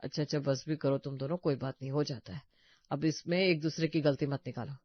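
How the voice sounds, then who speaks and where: A stern, motherly older mother-in-law, put on by a woman in a cartoon story, her voice pushed noticeably lower than the other women. She scolds and soothes by turns, recorded dry and close with slightly muffled sound. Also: fairly even intonation, a little fast, dry recording. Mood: soothing. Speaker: voice actor. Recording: dry, slightly dull audio.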